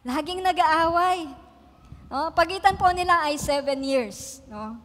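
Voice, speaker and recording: A woman's voice: sits high, unhurried, fairly bright tone. A middle-aged woman from the Philippines preaching a sermon, telling family stories in a chatty way, laughing often and checking in with the congregation. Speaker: pastor. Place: church hall. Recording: long reverb of a church hall.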